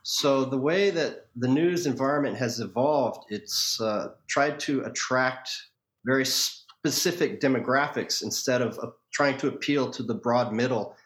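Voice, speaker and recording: A man from Hawaii, United States, with an American accent appears as a podcast guest in a conversational interview, telling opinionated stories in a wordy, erudite, wry style. His mid-range voice has a fairly bright tone and moves a little slowly, and the sound is roomy.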